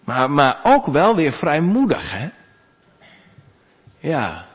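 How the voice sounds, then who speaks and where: A male pastor giving a sermon in a conversational, animated way, with big swings in pitch. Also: takes it slowly, husky.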